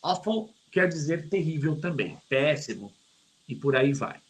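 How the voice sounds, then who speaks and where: A middle-aged man with a Brazilian Portuguese accent, teaching English in an online lesson, joking and stretching English words out slowly to show their pronunciation. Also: a little high, expressive, poor audio.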